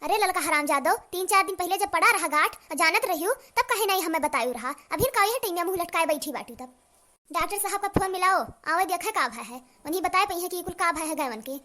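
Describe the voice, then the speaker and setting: A woman's voice: very high-pitched, expressive, a little fast, sharp tone, heavily acted. A woman doing a bossy, cursing old village mother. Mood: scolding. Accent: eastern Uttar Pradesh rural dialect. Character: scolding old village mother, foul-mouthed. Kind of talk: cartoon voice acting.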